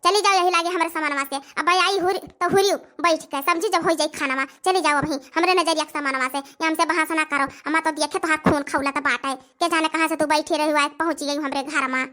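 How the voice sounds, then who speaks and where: A cartoon old mother-in-law from an Awadhi village, as a performer puts her on, bitter and bossy, ranting without pause. The voice sits very high and cuts through bright and sharp. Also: steady tone. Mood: furious. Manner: scolding, complaining rant. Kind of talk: cartoon comedy voice acting.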